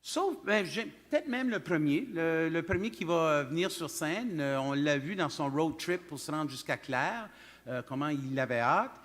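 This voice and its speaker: A man with a Quebec French accent hosting a live stage event informally, in halting, folksy phrases, in a reverberant hall. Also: a little high, expressive, fairly bright tone. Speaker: event host. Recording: reverberant hall sound through PA.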